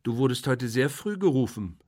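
A man's voice: medium pitch, lively intonation, normal speed, darkish tone, pitched above the performer's own voice, lightly acted. A man voicing a nosy, humorless woman who gossips and questions her brother insistently. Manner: insistent, know-it-all questioning.

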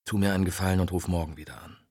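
A brusque, grumbling detective, as a male audiobook reader puts him on, cuts his caller short. The voice is low and husky, and it sounds dry and close to the mic. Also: steady tone, rapid-fire, a little mellow, dry recording. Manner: curt, grumbling. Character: gruff, curt middle-aged police detective. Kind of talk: audiobook dialogue.

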